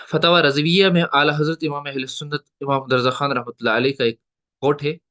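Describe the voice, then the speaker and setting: Bright-voiced man teaching. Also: fairly high pitch. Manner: explains slowly, repeats points, mixes English words into Urdu. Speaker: tajweed teacher. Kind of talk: recorded online lecture.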